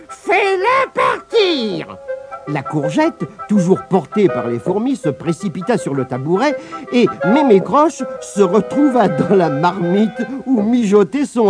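Male children's-story reader, high and very animated, soft music under. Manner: expressive, sing-song.

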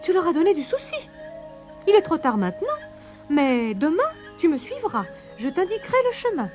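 A woman voicing a chirpy, fussing little wagtail bird, very high and twittering. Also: sing-song, moderate pace, darkish tone, faint music behind.

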